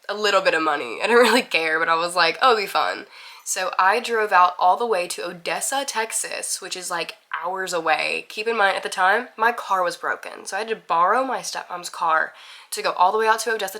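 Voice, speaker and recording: Young woman in her twenties from Mississippi, casual vlogger, bright and a touch low, candid chatter. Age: 20s. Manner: chatty, candid, laughs at herself. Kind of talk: casual to-camera intro vlog.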